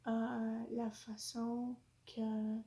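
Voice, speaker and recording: Woman vlogger, English-influenced French accent, slow and halting with a flat, mellow, slightly high voice, self-conscious and full of fillers. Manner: hesitant, searching for words, many fillers. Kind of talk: casual vlog monologue.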